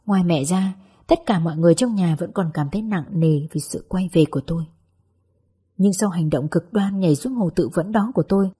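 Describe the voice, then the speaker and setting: A woman narrating a first-person audiobook story in a gentle, wistful way. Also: lowish voice, breathy edge.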